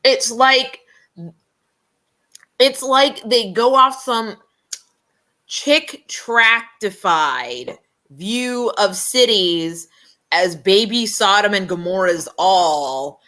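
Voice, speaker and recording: A woman co-host with a bright, ringing voice talks in blunt, emphatic bursts. Her casual podcast chat has a sarcastic edge, and she hammers her points home. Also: medium pitch, drawn-out words, pauses often.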